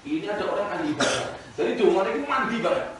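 A man's voice: sits high, sing-song, rapid-fire, background noise. A male preacher with a Javanese accent giving a humorous sermon, telling stories and tossing questions to his audience. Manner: jokey, storytelling, asks the audience questions. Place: gathering place in a red-light district. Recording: echoey, distant mic, faint ambience.

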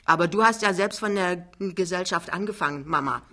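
A woman voicing a sullen, stern young man who speaks gruffly and curtly in an audiobook reading. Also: lowish voice, fairly quick, fairly bright tone. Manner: gruff, curt.

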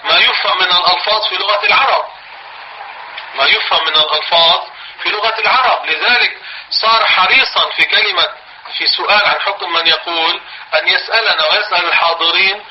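Levantine-accented male religious teacher, fairly high voice, patient and repetitive, on a dull old tape. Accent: Levantine Arabic. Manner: explains slowly, repeats phrases, dictates for notes. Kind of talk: classroom religious lesson. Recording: dull lo-fi recording, faint hiss.

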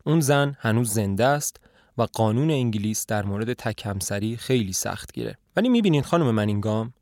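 A calm, shrewd older detective who reasons in measured, persuasive sentences, read by a man in a play reading. The voice sits at an ordinary male pitch. The recording is dry and close. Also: no echo, natural voice.

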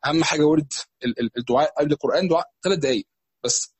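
Husky Egyptian male preacher, rapid conversational teaching, dry close sound, slightly high voice. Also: dry recording. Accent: Egyptian Arabic. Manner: fast, conversational teaching with many restarts and repetitions. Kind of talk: religious lesson.

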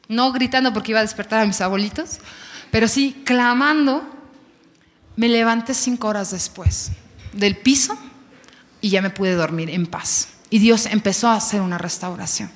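A Mexican woman in her thirties preaching to young people at a church service, candid and conversational, repeating words for emphasis. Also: on the high side. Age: 30s. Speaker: youth preacher. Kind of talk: sermon with personal testimony. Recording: long hall reverb.

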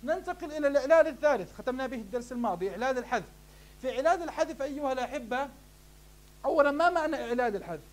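A sheikh's voice, extremely high and very fast, carries an expressive energy through his Arabic morphology lecture. Addressing the class warmly as "beloved ones," he asks questions and answers them himself.

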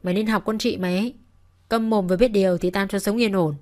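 A woman's voice: mid-range voice, fairly even intonation, fast, a little mellow, natural voice. A woman voicing a brutish, arrogant brother-in-law who snarls threats. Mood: menacing.

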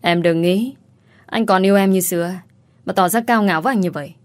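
A woman's voice: medium pitch, a little fast, lightly acted. Storybook role: defensive young husband, short-tempered, read by a woman narrator. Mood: irritated. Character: proud irritable young husband.

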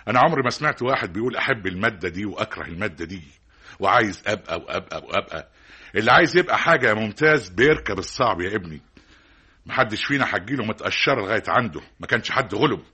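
A man's voice: fairly low pitch, animated, rapid-fire, pushed and bright, husky, full character voice. An actor with an Egyptian accent playing a stern, hardworking middle-aged father who lectures his son with rhetorical repetition, in a classic radio drama. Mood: lecturing. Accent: Egyptian Arabic.

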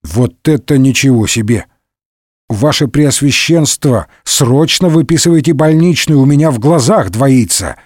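A man's voice: mid-range voice, lively intonation, unhurried, darkish tone, dry recording, studio quality. A man voicing a bewildered, hot-headed young musketeer in a comic audiobook, exclaiming indignantly. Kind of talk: audiobook character voice.

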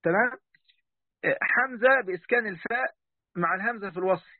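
Egyptian male sheikh, high-voiced and quick, chatty online lesson, phone-thin sound. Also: no echo, narrow, tinny audio. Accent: Egyptian Arabic. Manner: chatty, talks straight to his students, breaks off mid-word. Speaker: sheikh teaching a class. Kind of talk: online lesson, reading a text aloud and explaining it.

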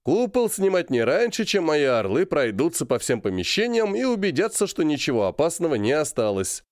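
A man's voice: fairly high pitch, big pitch swings, fairly quick, darkish tone, dry recording, clean studio sound, pitched above the performer's own voice. A man voicing a jovial, scheming middle-aged colonel who banters and stretches words for emphasis. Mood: bantering.

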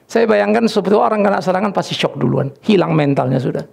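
Gravelly older man preaching. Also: high voice, expressive, fast, darkish tone. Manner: storytelling, mixing in English words, laughing at his own story. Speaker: pastor. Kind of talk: sermon.

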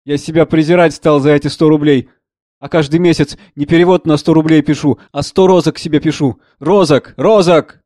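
A man voicing a gruff, sardonic older doctor who holds a general's rank, mocking and blustering, in an audiobook reading of a play. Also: on the high side, steady tone, normal speed, no echo, clean studio sound, close to an everyday voice. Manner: blustering, mocking, shouts out bursts.

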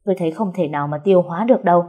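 A woman's voice: lowish voice, very fast, breathy edge, phone-quality sound. A woman voicing an exasperated young man who lectures his companion.

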